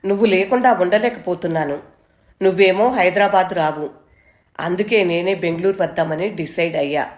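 A woman's voice: lowish voice, moderate pace, reverberant, natural voice. An earnest young man, read by a woman. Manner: earnest, serious.

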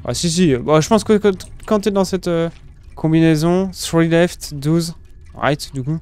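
Slow-paced young man, casual gameplay commentary. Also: on the high side, darkish tone, clean tone. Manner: slangy, swearing, thinking aloud. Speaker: let's play streamer. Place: small room with gaming setup, indoors. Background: game music.

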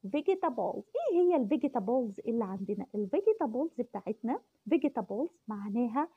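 An Egyptian woman teaches English vocabulary and says each word again and again in a slow drill. Her voice sits on the higher side. The recording sounds dull and lo-fi. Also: big pitch swings, breathy edge. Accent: Egyptian Arabic. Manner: drills words slowly and repeats them many times. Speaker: English teacher for young children.

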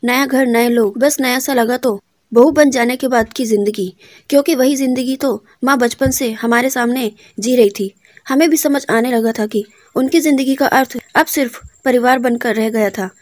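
A woman narrating an emotional first-person story about her mother in a soft, heartfelt and reflective way. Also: fairly high pitch, normal speed, dry recording. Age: adult, married daughter.

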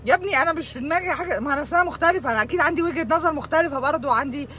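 In a rapid-fire, fairly bright voice that sits high, a young woman from Egypt rants theatrically for her video, now and then breaking into mock sobs. Her Egyptian Arabic speech is peppered with English words, and there's slight background noise.

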